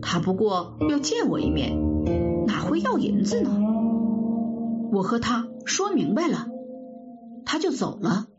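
A woman's voice: fairly high pitch, huge pitch swings, a little slow, long pauses, heavily acted. A woman doing a defiant dreamy young nobleman. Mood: carefree. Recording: dull audio with guitar music.

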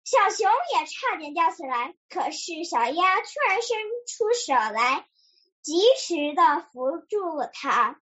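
A woman reading a children's story aloud in a slow, expressive way. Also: very high-pitched, dull audio.

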